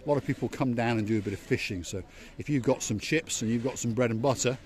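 A man's voice: mid-range voice, fast talker, a little mellow. An older man hosting a casual walking vlog outdoors by a harbour, joking and chatting like a tour guide into a handheld phone. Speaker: vlog host. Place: outdoors by a seaside harbour promenade. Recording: faint outdoor noise.

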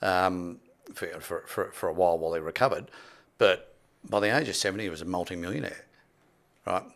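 Talking fairly quickly in a low, creaky, slightly bright voice, a man in his sixties tells stories as a podcast guest with conversational emphasis. He is a property development expert, recorded in a small indoor studio on a close boom-arm microphone, headphones on.

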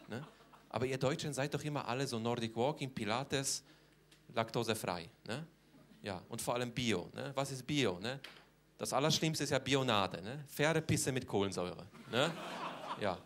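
In this stand-up bit, a man plays a cheeky, boastful Polish guy, speaking broken German in a Polish accent and ending nearly every line with a question. His medium-pitched voice is expressive and fairly bright at a moderate pace, with a little hiss or hum in the background.

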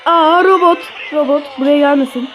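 A woman with a Turkish accent giving live commentary on her own gameplay, swearing and shouting at opponents. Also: high voice, moderate pace. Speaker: gaming channel host. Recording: faint game music behind.

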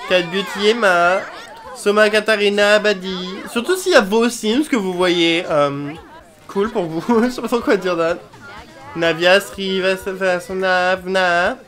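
A woman's voice: mid-range voice, measured pace, fairly bright tone, a faint crowd. A woman chatting casually as she plays a life-simulation game, swearing and dropping English exclamations. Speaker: video game let's player. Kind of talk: casual gameplay commentary.

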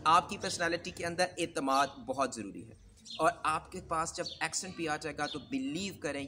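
A man's voice: a little high, background noise. A man teaching English pronunciation in Urdu mixed with English, modeling sample phrases for learners. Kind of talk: Urdu-English accent lesson.

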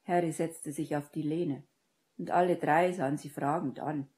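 A woman narrating a fan fiction audiobook in a calm, measured storytelling manner. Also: low voice.

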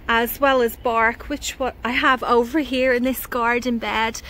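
An Australian woman giving a relaxed, unhurried tour of her home garden, explaining her plantings with the odd filler. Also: a little high, rough recording. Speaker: garden vlogger. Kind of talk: casual garden tour narration.

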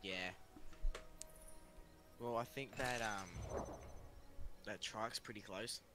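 A man chatting with a friend while playing a video game, easygoing and relaxed. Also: lowish voice, takes it slowly, noisy background. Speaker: gamer. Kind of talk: casual gameplay chat. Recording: game audio clearly behind voice. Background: video game sounds.

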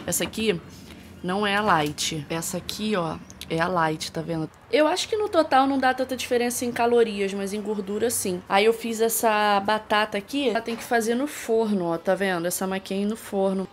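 A woman in her thirties films a cooking vlog in her home kitchen, holding her phone at arm's length as the mic. Her medium-pitched voice carries a little hiss or hum as she chats casually, jokes, and pokes fun at herself.

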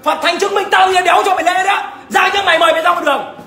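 Shouting temple keeper, very high voice. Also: male voice, fairly even intonation, racing, faint music behind. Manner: shouting, cursing, ordering someone out. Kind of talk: heated real-life argument. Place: large temple hall. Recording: echoey hall, faint crowd.

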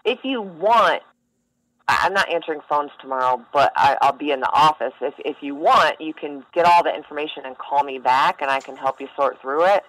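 Speaking fairly quickly in a low, expressive voice with a fairly bright tone, a female helpline staffer for mental health chats casually and bluntly. The recording is a phone call captured through a telephone.

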